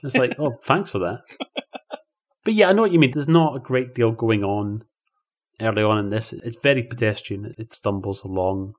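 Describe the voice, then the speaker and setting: A film podcast co-host explains plot points in a chatty, easygoing way during a casual review conversation, laughing easily. He has a lower voice with lively intonation and a moderate pace.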